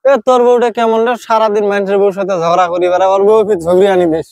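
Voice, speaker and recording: A man's voice: high voice, quick pace, darkish tone, no echo, clean studio sound. A man playing a nosy neighbor. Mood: mocking. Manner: nosy, mocking.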